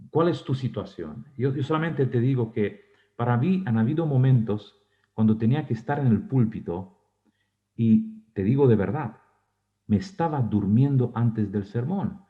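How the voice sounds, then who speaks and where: A male pastor preaching a sermon, telling personal stories in a loose, chatty way and breaking into laughs now and then. His voice sits at an ordinary middle pitch. The recording is somewhat muffled and lo-fi. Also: mellow. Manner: conversational, anecdotal, laughs often.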